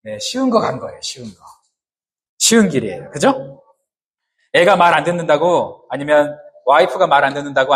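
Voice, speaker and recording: A man preaching a sermon who keeps asking the congregation questions and answering them himself, in casual, joking everyday words. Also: fairly high pitch. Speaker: pastor.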